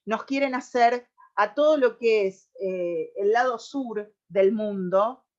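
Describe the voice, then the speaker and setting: An Argentine woman presenting on a radio program, explaining at length and pausing often on fillers as she gathers her thoughts. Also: medium pitch, muffled recording. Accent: Argentine Spanish. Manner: thoughtful, with many hesitations and restarts.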